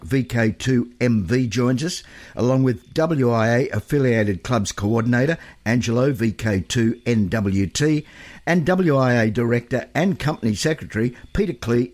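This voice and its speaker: A man's voice: mid-range voice, moderate pace, darkish tone. An Australian man reading a scripted radio news introduction as editor and presenter.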